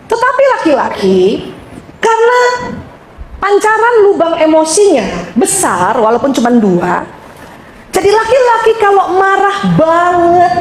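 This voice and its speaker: A middle-aged woman giving an animated, joking seminar talk to an audience. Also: sits high. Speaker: seminar speaker. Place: large hall with audience. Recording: roomy hall sound with faint noise.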